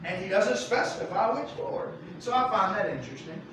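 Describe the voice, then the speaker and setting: A pastor leads a Bible study in a folksy, animated way, slipping into voices for the people in the verses. His voice sits high for a man. The recording is boomy with heavy echo, picked up from well back in the sanctuary with a faint hiss. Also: moderate pace. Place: church sanctuary. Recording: echoey room mic from far off.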